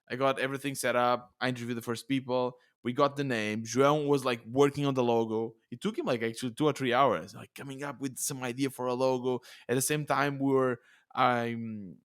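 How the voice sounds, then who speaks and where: A man with a Portuguese accent hosting a solo podcast, talking in a chatty, excitable way with many restarts. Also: medium pitch. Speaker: podcast host. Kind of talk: casual solo podcast monologue. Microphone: podcast studio mic.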